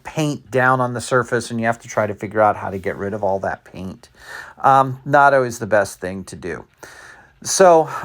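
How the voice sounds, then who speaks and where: Clear-voiced man casually explaining a craft project. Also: medium pitch. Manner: rambling, explanatory. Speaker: hobby model-maker narrating tutorial. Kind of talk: casual voice-over commentary on a craft video.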